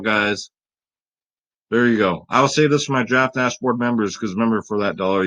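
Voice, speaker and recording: A man talks casually through a fantasy sports picks video, speaking straight to his viewers and hyping them up. He sounds tired late at night, with a voice at a middle pitch. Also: low-quality recording. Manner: chatty, hype-building, talks straight to viewers.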